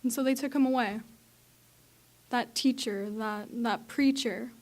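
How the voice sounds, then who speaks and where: A woman's voice: a little high, steady tone, measured pace, close to an everyday voice. A young woman playing an onlooker in the crowd, telling it earnestly. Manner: earnest, shouting at times. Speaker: student actor.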